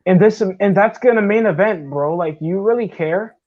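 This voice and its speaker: Man panelist, casual chat, blunt and ranting, a bit high-pitched, dull muffled audio. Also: moderate pace. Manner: blunt, ranting, swears freely. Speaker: wrestling watch-along panelist.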